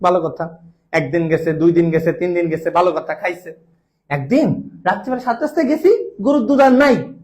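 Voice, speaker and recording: Playful high-voiced male tutor. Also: normal speed, a little mellow. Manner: playful, jokey mnemonics and call-and-response questions. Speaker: medical admission tutor. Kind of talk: online exam-prep class.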